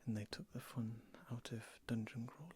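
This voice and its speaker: An ASMR creator whispering softly and close to the ear while showing and talking about items. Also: medium pitch, a little fast, a little hiss or hum. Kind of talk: whispered ASMR show-and-tell. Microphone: close stereo ASMR microphones.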